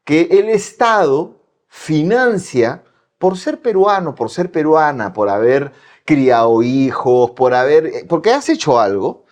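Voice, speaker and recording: Lively male interview host. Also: on the high side, slow pace. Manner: conversational, agreeing and summing up. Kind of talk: political discussion.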